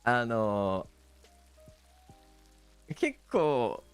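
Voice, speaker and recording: A man's voice: mid-range voice, very animated, extremely slow, clean tone, no echo, soft background music. A man with a Kansai Japanese accent chatting casually on a stream, hesitant and full of fillers, laughing often.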